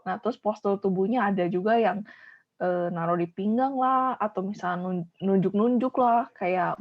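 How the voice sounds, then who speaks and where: A woman's voice: mid-range voice, moderate pace. A woman school counselor leading a class discussion, encouraging pupils and repeating their answers back. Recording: dull lo-fi audio.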